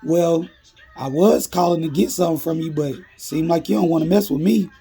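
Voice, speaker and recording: A man quoting a persistent young woman from the streets, told in a storytime. The voice stays gravelly and husky, with a drawl, and a little higher than his plain narration. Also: brisk, mellow, faint music behind, heavily acted. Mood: pleading.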